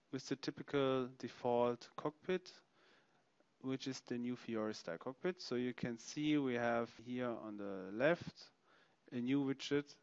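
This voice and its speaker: A man narrating a software product demonstration, explaining features step by step as he clicks through them. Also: mid-range voice, clear, resonant tone, no echo, dull audio. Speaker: software demo presenter.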